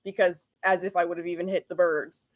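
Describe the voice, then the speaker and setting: A woman's voice: fairly low pitch, little pitch movement, a little fast. A woman vlogger giving casual reaction commentary, candid and rambling, with frequent swearing.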